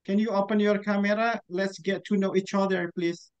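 A man's voice: high-pitched, fairly even intonation, moderate pace, clear, resonant tone. Male English teacher on a video call, encouraging, muffled call audio. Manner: friendly, encouraging, short prompts. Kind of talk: online class moderation. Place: indoor room with virtual background.

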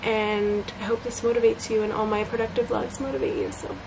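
She's a young college student vlogging in her small bedroom, chatting upbeat and bubbly to a camera at arm's length, with many fillers and noticeable background noise. A little high and a little fast, her congested voice has a flat delivery.

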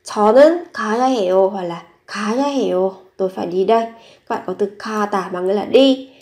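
A woman who teaches Korean phrases, repeating each one slowly and then explaining it. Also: medium pitch, a little mellow. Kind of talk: bilingual language lesson.

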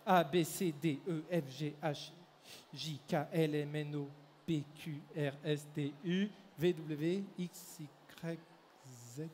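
A man performing a live mind-reading act, briskly directing the audience and volunteers on stage through a handheld microphone. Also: on the high side, a little mellow, slight background noise. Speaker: stage mentalist. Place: large hall at a fair. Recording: echoey hall, faint crowd ambience.

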